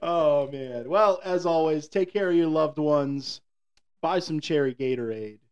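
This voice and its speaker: A man co-hosting a relaxed sports podcast, full of teasing jokes and puns. His voice sits a little above the usual male range. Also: fairly high pitch, a little slow, smooth. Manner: teasing, pun-making banter. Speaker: podcast co-host. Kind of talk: casual sports podcast chat.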